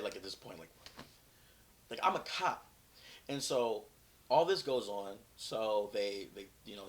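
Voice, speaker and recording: A man, a former police officer, frankly telling a personal story in an interview, acting out the dialogue as he goes. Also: lowish voice.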